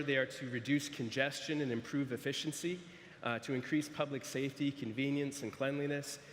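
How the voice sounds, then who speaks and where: An architect from San Francisco gives a conference presentation in a large, echoey hall with a long reverb tail and faint noise beneath his voice. Speaking mid-range, he's hesitant, with repeated words, frequent restarts and "uh" fillers.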